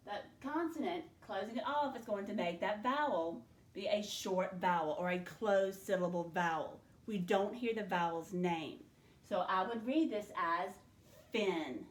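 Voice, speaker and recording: A woman teacher leading a spelling lesson, slowly and clearly sounding out syllables and letters for her students. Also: medium pitch, roomy sound. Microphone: in front of a whiteboard.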